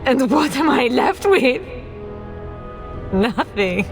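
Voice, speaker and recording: A woman's voice: sits high, very animated, slow, faint music behind, exaggerated voice. An actress playing a desperate, grief-stricken noble mother in a fantasy video game, with a pleading, emotional delivery. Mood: grieving. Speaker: noblewoman character.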